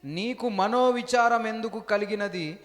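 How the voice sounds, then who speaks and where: A man acting out a caring husband, soft and pleading, asking slow questions in a high voice. the words ring out with a long reverb, as in a big hall. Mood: tender pleading. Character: gentle caring husband comforting his wife.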